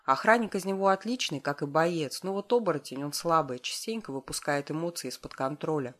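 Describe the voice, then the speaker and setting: A woman's voice: deep voice, a little fast, lightly acted. A woman voicing a cocky, domineering male werewolf who mocks and gives orders, in an audiobook reading. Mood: commanding. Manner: mocking, commanding.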